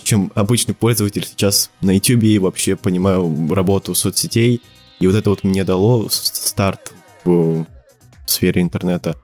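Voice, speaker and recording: A Siberian teenager from Russia appears as a guest on a casual podcast interview, rambling through his answers with fillers, restarts and the occasional laugh. His voice is on the low side and slightly mellow, with faint music playing underneath.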